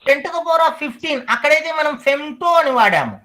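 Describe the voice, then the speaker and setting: High-voiced male teacher drilling terms. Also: big pitch swings, sharp tone, low-quality recording. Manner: repeats each term slowly for students to memorize. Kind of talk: online class lecture.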